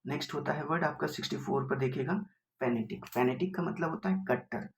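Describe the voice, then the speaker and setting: A man's voice: mid-range voice, a little fast, vocal fry. An Indian male teacher runs an exam-prep vocabulary lesson in a mid-range voice. He explains patiently, keeps asking rhetorical questions and spells words letter by letter. A faint hiss of noise sits under the recording.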